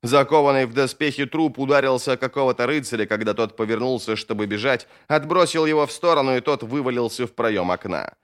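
A man's voice: medium pitch, quick pace, hardly any pauses, clean tone. A man reading a fantasy audiobook aloud, narrating dramatically and raising his voice in tense moments.

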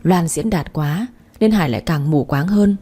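Woman narrator, storybook reading, low-pitched and husky. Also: normal speed, dark tone, faint music behind.

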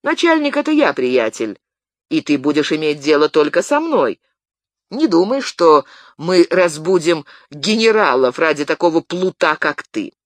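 A man's voice: fairly high pitch, sing-song, normal speed, no echo, clean studio sound. A man reading an audiobook, voicing a harsh, contemptuous cavalry commander who gives orders. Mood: mocking.

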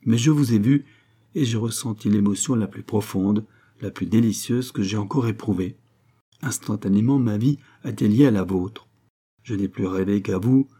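A man's voice: fairly low pitch, moderate pace, mellow, slightly rough. A man reading the part of a nervous young male count, an earnest suitor who pleads eagerly and lifts his voice as he talks.

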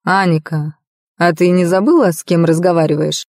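Woman doing a low husky werewolf guy, mocking and gruff, mellow dark tone. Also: fairly even intonation, moderate pace, no room sound, clean studio sound, natural voice. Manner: gruff, teasing.

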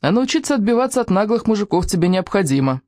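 A woman voicing an energetic, bossy retired naval father in a storybook reading. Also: mid-range voice, quick pace, dry recording, studio quality, voice pushed up, natural voice. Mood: brisk.

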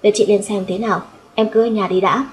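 A woman's voice: mid-range voice, steady tone, slight background noise, natural voice, low-quality recording. A woman voicing a flustered, placating middle-aged brothel keeper in an audiobook story, talking hurriedly. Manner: hurried, soothing.

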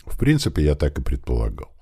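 A man's voice: very deep voice, wildly swooping pitch, fast, warm tone, slightly rough, no room sound, studio quality. A man narrating a first-person audiobook, telling it with tension. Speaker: audiobook reader.

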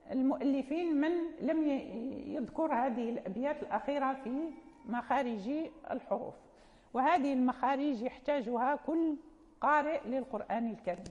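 Moroccan woman, high voice, recitation teacher explaining with fillers, muffled recording in a reverberant hall. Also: a little mellow. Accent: Moroccan Arabic. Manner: explanatory, with fillers and self-corrections. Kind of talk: lecture.

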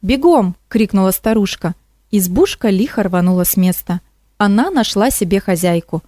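A woman narrating a fairy tale in a calm, even reading. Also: mid-range voice, normal speed, no room sound, studio quality. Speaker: storyteller.

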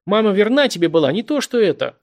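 A man voicing a hot-headed, defiant teenage boy who yells back at his elders in an audiobook. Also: a little fast, natural voice. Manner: shrill, defiant. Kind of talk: audiobook character voice.

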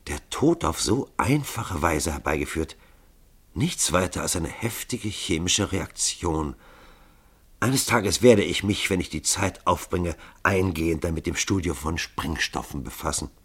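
A male narrator voices a detached assassin philosopher who murmurs his musings quietly. The voice is husky and lowish, in an audiobook reading. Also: lively intonation, measured pace, heavily acted.

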